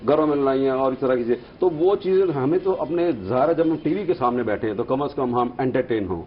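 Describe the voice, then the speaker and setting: A man's voice: medium pitch, quick pace, muffled recording, a little hiss or hum. A man, a guest on a talk show, chatting casually and telling joking stories. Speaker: guest, event organizer.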